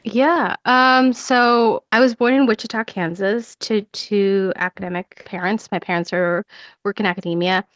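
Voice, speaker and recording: In a casual interview chat, a woman in her thirties who grew up in Ecuador laughs easily and fills her speech with plenty of "like." Her mid-range voice holds a steady tone at a moderate pace and sounds fairly bright. There's no room sound, though the audio is dull.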